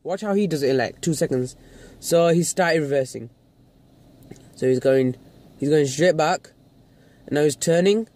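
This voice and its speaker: A man's voice: on the high side, normal speed, pauses often, darkish tone. A young man vlogging a ranting commentary, swearing a lot and mimicking the people he watches in exasperated tones. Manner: exasperated, swearing, mocking put-on voices.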